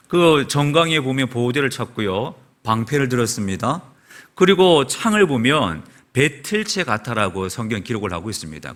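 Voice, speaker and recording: Male pastor giving a sermon in church, bright forceful voice, really animated. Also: mid-range voice. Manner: animated storytelling, acts out quoted shouts. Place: church sanctuary.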